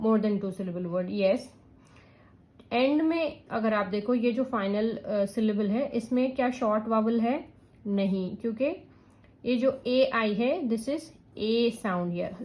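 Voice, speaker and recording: A woman's voice: a little high, highs cut off. A woman, patiently teaching a spelling rule step by step, mixing Hindi and English. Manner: patient, step-by-step explaining with checks like "yes". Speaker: parenting channel teacher. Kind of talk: slow explanatory teaching.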